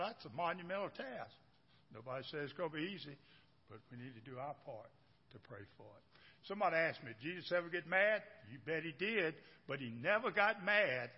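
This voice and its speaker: A man's voice: fairly high pitch, breathy edge. A man preaching a sermon to his church, folksy and repetitive, often asking the room questions. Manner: folksy, repeats phrases, asks the crowd questions. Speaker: pastor. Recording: dull, echoey church hall recording.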